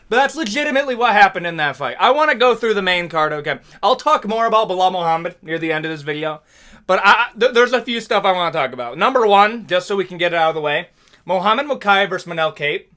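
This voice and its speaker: A young man giving a casual, joking fight recap, animated and frequently tagging lines with "okay?" and "bro.". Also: high-pitched. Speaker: MMA commentary YouTuber.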